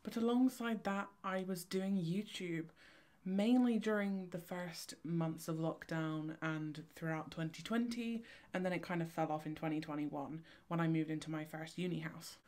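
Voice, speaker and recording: A young woman from Cornwall with a Cornish accent, chatting to camera in a fast, chaotic, excitable vlog ramble. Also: fairly low pitch. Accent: Cornish English. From Cornwall, England. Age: young adult. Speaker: vlogger, photography student. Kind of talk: casual vlog chat to camera. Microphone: camera on tripod.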